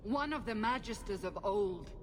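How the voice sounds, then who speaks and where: A woman's voice: mid-range voice, lively intonation, normal speed, close to an everyday voice. A stern woman investigator, voiced by a woman, probing and skeptical. A faint ambient hum sits behind her, as in a fantasy video game.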